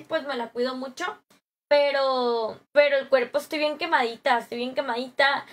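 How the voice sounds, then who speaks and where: A young Mexican woman streaming live, chatting with viewers in a bubbly, slangy way, her voice a little hoarse from a sore throat. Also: high-pitched, fairly bright tone. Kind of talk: live stream chat, greeting viewers and reading comments.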